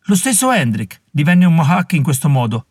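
A man's voice: a little high, sing-song, moderate pace, husky, dry recording, clean studio sound, pitched above the performer's own voice. A man reading an audiobook voices a fierce young Mohawk woman who scolds warriors scornfully and commandingly. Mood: fierce scorn.

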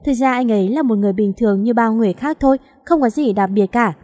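Woman doing a hesitant young guy, dodgy answers, soft mellow tone, echoey. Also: a little high, fast talker, lightly acted. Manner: hesitant, evasive. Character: young man, student, guarded and kind. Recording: long reverb.

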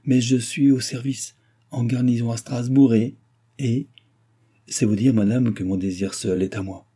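A man's voice: mid-range voice, fairly even intonation, a little slow, mellow, breathy edge. A man reading an earnest young officer. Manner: earnest, respectful.

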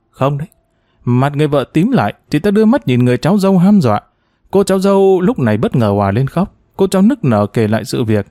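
A man's voice: medium pitch, warm tone, no echo, clean studio sound. A man narrating a novel as an audiobook, storytelling expressively with varied pacing.

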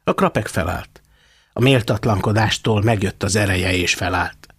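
A man narrating an audiobook in a wry, expressive storytelling manner. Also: fairly low pitch, breathy edge, no room sound. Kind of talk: scripted narration.

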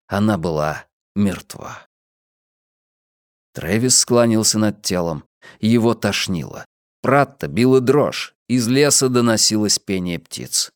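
Male audiobook narrator, lively pitch, dry close sound, dramatic. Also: takes it slowly, dry recording. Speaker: audiobook reader. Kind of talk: scripted narration.

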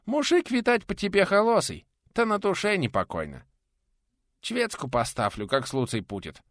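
Audiobook: a man voicing a menacing medieval warrior with slurred rustic speech, higher and lively. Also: normal speed, dry recording, studio quality, heavily acted. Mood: grumbling.

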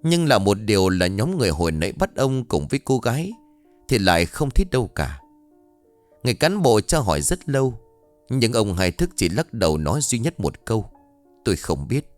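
A man narrating a ghost story in an expressive, dramatic scripted reading. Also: lowish voice, a little fast, soft background music.

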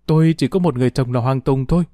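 A man's voice: mid-range voice, very fast, mellow, no echo, studio quality, lightly acted. A man voicing a young wife who reproaches her former lover through sobs, in a storybook reading. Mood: bitter. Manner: sobbing, bitter reproach. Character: young wife, tearful and resentful.

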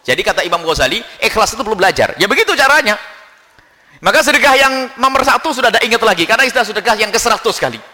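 Male preacher, fast and animated, bright high voice, long hall reverb on the recording. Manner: animated, acts out little scenes with quick voices. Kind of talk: religious lecture answering a question.

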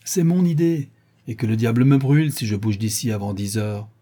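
A man's voice: medium pitch, animated, moderate pace, dark tone, slightly rough. A man reading the part of a stubborn, bold young nobleman in disguise in an audiobook, firm and insistent.

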